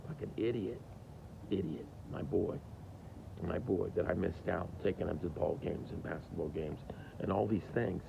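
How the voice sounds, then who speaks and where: Gravelly dad in his 50s talking candidly, swings his pitch all over, kinda muffled lo-fi audio. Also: moderate pace. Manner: animated storyteller with big pitch jumps. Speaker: father telling his story. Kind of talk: candid personal monologue. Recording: dull lo-fi recording with faint hiss.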